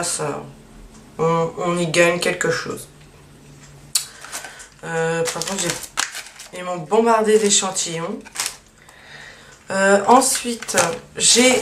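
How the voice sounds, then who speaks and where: A woman chatting casually through a beauty haul, with lots of fillers and a steady stream of small asides. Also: mid-range voice. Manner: chatty, many fillers and "donc voilà". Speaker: beauty vlogger. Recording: echoey room, mic at a distance, faint hiss.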